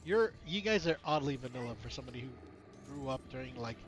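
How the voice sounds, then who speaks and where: A man's voice: mid-range voice, animated, quick pace. A young man co-hosting a let's play, laughing often and playfully incredulous. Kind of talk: casual gaming banter.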